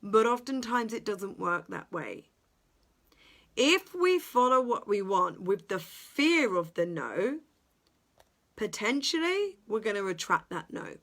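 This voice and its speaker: Woman, motivational podcast talk, earnest, emphatic, repetitive phrasing, middle pitch. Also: a bit bright.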